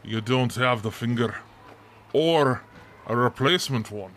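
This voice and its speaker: A man voicing an angry, muscular dwarf cleric with a gruff, blunt manner in a tabletop game. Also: medium pitch, measured pace, fairly bright tone, slight background noise, close to an everyday voice. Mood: gruff, demanding. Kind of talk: tabletop role-play.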